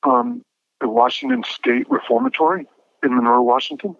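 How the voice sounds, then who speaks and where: A man in his fifties calls in on a prison phone, and the line comes through muffled and dry, with no room around it. His voice is gravelly yet bright-edged, and it rises and falls a lot as he speaks. He talks in a measured, hesitant way, often restarting a word before going on. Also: very high-pitched, huge pitch swings, dry recording. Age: 50s. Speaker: incarcerated interview guest. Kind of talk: telephone interview. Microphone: prison telephone handset.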